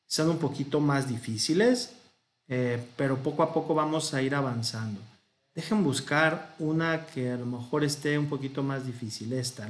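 A man with a Mexican Spanish accent talks slowly through a grammar lesson, pausing to think aloud and correct himself. His voice sits fairly high for a man. The room gives it a noticeable echo. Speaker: Hebrew teacher. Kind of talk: slow classroom explanation.

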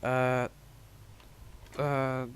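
A young man with a Ukrainian accent plays a horror game for a let's play, cracking jokes and yelping when something startles him. His mid-range voice is monotone and very slow, with a little hiss or hum in the audio.

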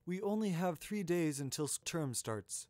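A man voicing a stern, brisk, practical middle-aged female deputy headmistress. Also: a little high, lively intonation, a little mellow, no echo, pitched above the performer's own voice, close to an everyday voice.

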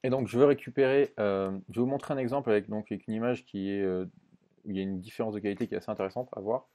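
A man's voice: lowish voice, rapid-fire, warm tone. Casual man thinking aloud through a tutorial. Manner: thinks aloud with frequent fillers and restarts; casual, checks in with "ok" and "d'accord". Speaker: tutorial presenter. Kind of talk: screen-recorded software tutorial.

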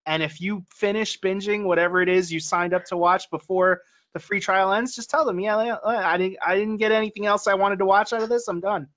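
A man's voice: sits high, steady tone, brisk, a bit bright. A man co-hosting a podcast in casual chat, talking with a headset over a video call, laughing often and acting out quoted lines. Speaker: podcast co-host. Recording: dull lo-fi video call audio.

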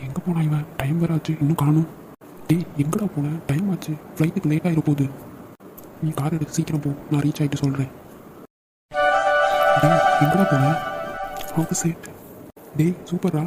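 A man's voice: on the high side, steady tone, moderate pace, long pauses, over music, lightly acted, poor audio. A man voicing a caring young brother and loyal friend in a cartoon, brotherly and teasing. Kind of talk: cartoon dialogue acting.

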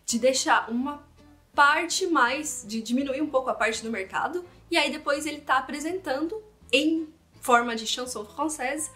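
A woman's voice: high-pitched, moderate pace, pushed and bright, soft background music. A woman teaching a casual language lesson, explaining song lyrics and thinking aloud as she goes. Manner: chatty, thinks aloud, switches between reading French lines and explaining.

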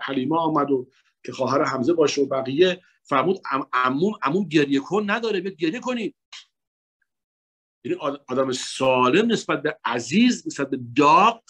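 A man from Iran with a husky voice giving a religious lecture on psychology, emphatic, his tone jumping between loud high points and hushed asides.

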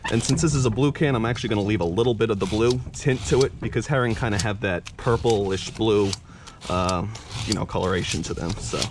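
Outdoors at a workbench, a young man hosting a fishing channel casually walks through a hands-on demo, often saying "you know" and "uh." He talks briskly in a fairly low voice against a noisy background.

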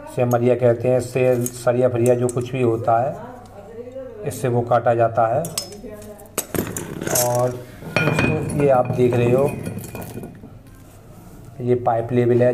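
A flat-voiced mason and channel host with a mid-range voice gives a casual tool demonstration in an outdoor paved courtyard, tools spread on the ground. He explains unhurriedly, pointing to each tool one by one, against a noisy background.

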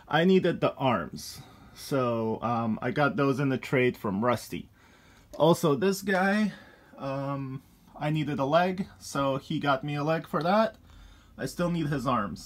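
Walking through his cluttered collection room with a handheld phone, a man shows his toy pickups in a rambling vlog chat. His voice sits on the high side, and he chuckles often between ums and uhs.

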